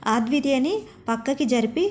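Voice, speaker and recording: Reading a scripted story at a normal speed, this woman has a fairly high voice. Her telling is even and expressive, leading listeners from one scene to the next.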